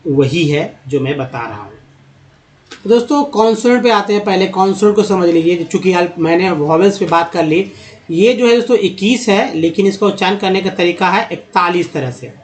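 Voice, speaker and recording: Man, high voice, step-by-step lesson, friendly address to viewers. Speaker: English teacher. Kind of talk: teaching lesson.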